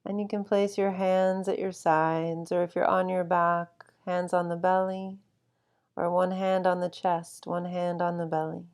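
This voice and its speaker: A woman guiding a sleep meditation with calm, soothing instruction and long, unhurried pauses. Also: on the low side, clean tone. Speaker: meditation guide.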